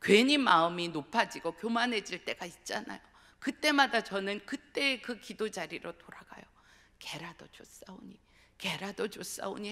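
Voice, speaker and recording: A middle-aged woman preaches a testimonial sermon as a guest speaker, telling her story earnestly and slipping into whispers to stress a point. Her voice is bright and gravelly. It rings with the long reverb of a church sanctuary. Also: mid-range voice. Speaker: guest speaker, pastor's wife.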